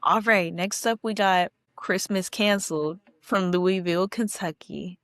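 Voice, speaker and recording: A woman's voice: on the low side, steady tone, a little slow, a bit bright, dry recording, studio quality. A young woman co-hosting a casual podcast, blunt and reading out listener stories. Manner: blunt, reads listener submissions aloud. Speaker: podcast co-host. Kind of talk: casual chat.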